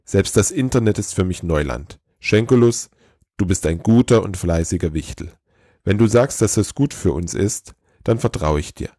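A weary, kindly old Santa talks slowly and calmly, as a man reads him in a storybook. His voice sits very low, grandfatherly and unhurried. The sound is close and dry. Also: slightly rough, dry recording, full character voice. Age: older. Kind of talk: storybook reading.

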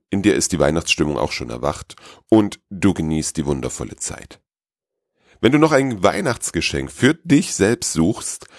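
Very deep-voiced male podcast narrator. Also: gravelly, no room sound, studio quality. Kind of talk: storybook narration.

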